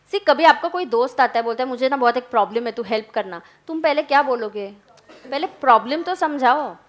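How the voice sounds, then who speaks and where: एक महिला शिक्षिका कक्षा में छात्रों को हिंदी और अंग्रेज़ी मिलाकर समझाती हुई व्याख्यान देती है।. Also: female voice, high-pitched, fairly bright tone. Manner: mixes Hindi and English, coaxing students. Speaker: teacher. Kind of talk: classroom lecture. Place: classroom.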